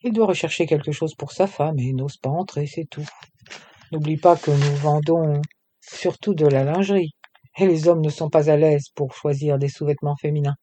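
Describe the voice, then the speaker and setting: A man's voice: a little high, fairly even intonation, normal speed, mellow, slight background noise, lightly acted. A man voicing a playful, teasing young woman who runs a clothing shop with her friend. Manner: teasing, bold.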